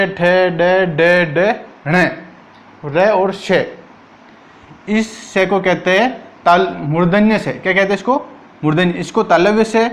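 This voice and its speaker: A man teaching an exam-prep Hindi grammar lesson, asking each point as a question and answering it himself, drawing out the sounds as he recites them. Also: high voice. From Rajasthan, India. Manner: drawn-out syllables while reciting sounds.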